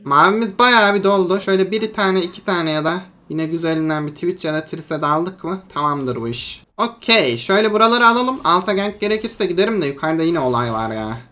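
A young adult mobile-game creator narrates a match in a chatty, friendly way, as if talking to friends. The voice sits at a medium pitch and jumps into excited yelps and shouts in tight moments. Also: a little fast, few pauses. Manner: excitable, bursts into yelps and shouting in tense fights; chatty, addresses viewers as friends. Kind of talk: live gameplay commentary.

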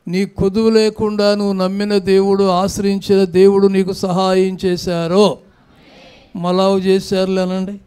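A man's voice: sits high, mellow, clean tone. A man preaching a sermon as pastor, with an Andhra Telugu accent, urging the congregation to answer aloud into a microphone in a church. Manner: exhorting congregation to respond aloud.

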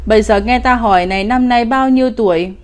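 A woman's voice: on the high side, a little fast, natural voice. A woman voicing a lecherous, cruel old male village official in a spoken ghost story, bullying and commanding. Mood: falsely sweet. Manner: bullying and commanding, falsely sweet when coaxing.

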